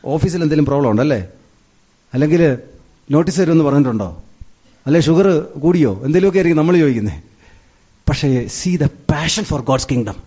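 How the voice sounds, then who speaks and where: A man preaching a sermon in a fairly high voice, switching between his own language and English phrases. He climbs to emphatic peaks and drops low again. The recording sounds dull and lo-fi. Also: expressive, normal speed, long pauses, dark tone, husky. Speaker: pastor.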